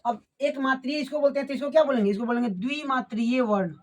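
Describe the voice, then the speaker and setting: A woman teaching a grammar lesson. She asks questions and answers them herself, and she repeats key terms slowly. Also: high-pitched.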